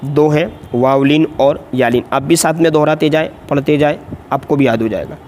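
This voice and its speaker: A man teaching a Quran reading lesson, explaining quickly and then chanting letter drills slowly and louder. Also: on the high side, slight background noise. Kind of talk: tutorial lesson with slow drawn-out drill recitation.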